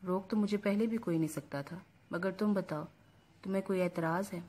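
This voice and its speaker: A woman reading the lines of a curt, self-assured young husband in a storybook reading, calm, firm and dismissive. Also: mid-range voice, natural voice.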